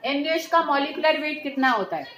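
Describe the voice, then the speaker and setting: High pitched lady chem teacher, patient, keeps checking in w students, roomy echoey lab sound. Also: lively intonation, a little fast, fairly bright tone, slight background noise. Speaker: chemistry teacher. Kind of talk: hands-on lab demonstration. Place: school chemistry lab. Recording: roomy echo.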